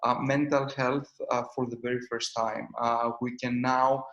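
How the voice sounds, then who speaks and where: Flat-voiced Greek man, many fillers. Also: mid-range voice, normal speed, reverberant, dull audio. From Greece. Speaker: startup founder and CEO. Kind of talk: conference interview.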